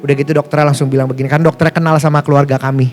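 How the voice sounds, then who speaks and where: A high-pitched male pastor with a lilt tells a story from the pulpit, chatty and playful. He keeps asking the congregation questions and jumps up in pitch to act out other voices. Soft music plays faintly behind him in the church. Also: little pitch movement, racing. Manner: acts out quoted voices with sharp pitch jumps. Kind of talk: sermon storytelling.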